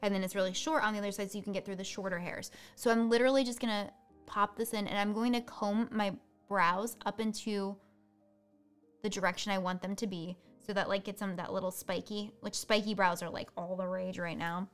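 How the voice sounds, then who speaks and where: Woman, makeup tutorial host, chatty, quick, smooth clear tone. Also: mid-range voice, steady tone, faint music behind. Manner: chatty, quick product talk. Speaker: beauty host.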